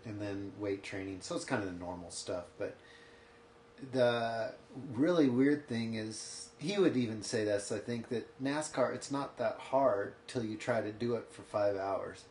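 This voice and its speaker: A man, a coach who trains athletes, talking in a relaxed, matter-of-fact way as a podcast guest in his home office. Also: fairly low pitch, moderate pace, reverberant, slight background noise. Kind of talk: casual podcast conversation.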